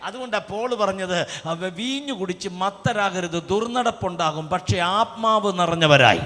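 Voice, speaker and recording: A man preaching a revival sermon, telling a story and building to fervent shouts. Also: high voice, a little slow. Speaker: pastor. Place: large outdoor revival meeting hall. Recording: reverberant live event sound.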